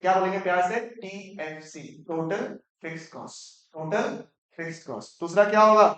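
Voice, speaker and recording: A playful male economics teacher lectures in an echoey classroom, his voice sitting high and a bit bright. He fires quick questions at the class, mixes Hindi and English, and teases his students.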